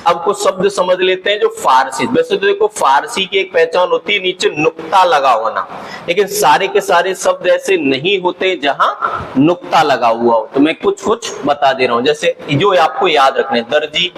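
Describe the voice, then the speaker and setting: A man's voice: on the high side, animated, a bit bright, a little hiss or hum, rough recording. A man teaching grammar for exam preparation, listing vocabulary words one by one and checking in with "theek hai" as he goes. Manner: slow, deliberate listing with frequent "ठीक है" check-ins.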